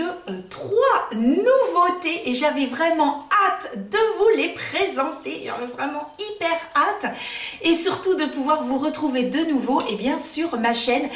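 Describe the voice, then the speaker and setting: A woman with a high, bright speaking voice chats through a makeup review from her home in the countryside. She fills her talk with fillers and self-mocking asides. She sits a little away from the camera mic, so the room echoes around her. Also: distant mic. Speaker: beauty vlogger. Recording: roomy echo, voice a bit off-mic.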